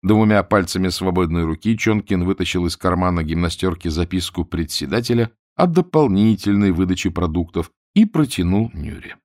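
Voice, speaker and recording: Man reading a funny novel aloud, lowish voice, really animated, dry studio sound. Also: moderate pace, few pauses, no room sound. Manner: expressive, lively storytelling. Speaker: audiobook narrator. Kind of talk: scripted narration of a humorous novel.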